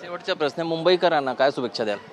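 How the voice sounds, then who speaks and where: A man's voice: on the high side, animated, rapid-fire, a faint crowd. A man reporting from an outdoor festival gathering for a TV news channel, asking questions with many hesitations and fillers. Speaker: TV field reporter.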